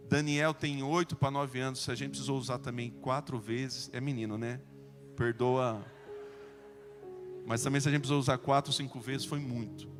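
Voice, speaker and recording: A Brazilian pastor preaching a sermon, telling stories and acting out dialogue, swinging between soft and loud. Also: male voice, medium pitch, level tone, normal speed, in a large hall, music in the background. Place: church sanctuary.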